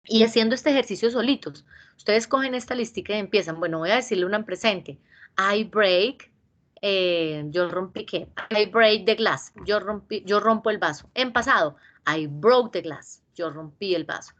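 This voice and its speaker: Lady teaching english verbs to a class, patient, says each form slow. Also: mid-range voice, fairly bright tone. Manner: patient, repeats verb forms slowly.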